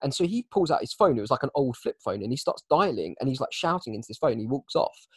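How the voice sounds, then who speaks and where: A young man telling a casual, self-mocking anecdote with animated delivery. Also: medium pitch, fast talker, breathy edge, no echo. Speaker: storyteller.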